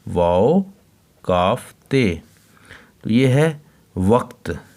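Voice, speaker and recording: A man, teaching children to read. He talks at a very slow, deliberate pace in a lowish voice. He spells each word letter by letter and says it twice. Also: lively intonation, a little mellow. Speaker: Urdu teacher.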